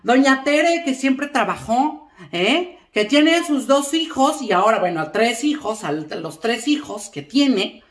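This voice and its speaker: A woman's voice: on the high side, lively intonation, slow pace, echoey room. A woman playing a gossipy middle-aged mother who rambles on to her family, forever tossing in little asides to check they are listening. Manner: chatty, rambling, keeps asking "¿eh?" and "fíjate". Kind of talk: comic character monologue.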